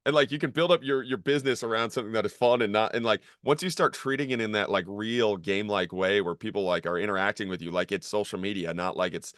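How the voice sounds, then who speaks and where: A young man hosting a podcast, talking casually in a rambling way full of fillers and swearing, and getting animated as he goes. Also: lowish voice, quick pace, few pauses, dry recording, clean studio sound. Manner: rambling, filler-heavy, profane, gets animated. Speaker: podcast host, former college strength coach.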